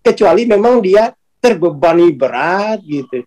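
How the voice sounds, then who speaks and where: A relaxed, chatty speaker talks about matters of the soul in an easygoing way. Short laughs keep breaking into the talk. The phrasing is colloquial, with many little tag words at the ends of sentences. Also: medium pitch, measured pace, dull audio. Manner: chatty and informal, often laughing between points. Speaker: speaker on a spiritual talk channel. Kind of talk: casual spiritual talk.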